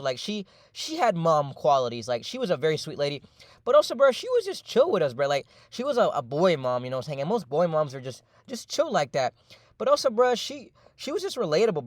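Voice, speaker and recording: Fast-talking young man telling a story. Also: a little high, no room sound, clean studio sound. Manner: rambling, slangy and profane, heavy fillers. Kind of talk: casual storytime narration. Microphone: voice-over.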